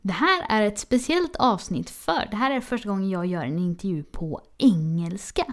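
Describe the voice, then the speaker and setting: A woman's voice: mid-range voice, darkish tone. A Swedish woman hosting a podcast, friendly, often laughing between questions. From Sweden. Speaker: podcast host. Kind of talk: podcast interview.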